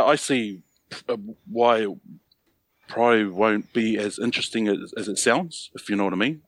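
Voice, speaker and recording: A man's voice: mid-range voice, no room sound. A man, chatting casually and thinking aloud as a podcast panellist. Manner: hesitant, colloquial, thinks aloud. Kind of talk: casual chat.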